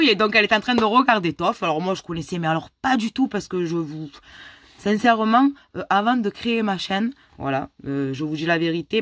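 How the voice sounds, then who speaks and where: A woman's voice: medium pitch, fairly bright tone, no room sound. A woman in her thirties, a mother of three, chatting casually to her viewers and answering their questions in a rambling way full of fillers. She sounds tired and a little ill. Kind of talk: casual chat.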